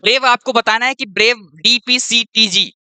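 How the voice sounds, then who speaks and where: An extremely high-pitched male voice, sharp yet smooth, delivers an exam-prep lesson at normal speed in a dry recording. The teacher moves step by step, frequently checking on his students and often using "your."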